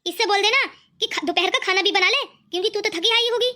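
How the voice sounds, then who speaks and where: A woman's voice: very high voice, fast talker, pushed and bright. A woman voicing a scheming, greedy middle-aged mother-in-law who scolds and taunts. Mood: scolding.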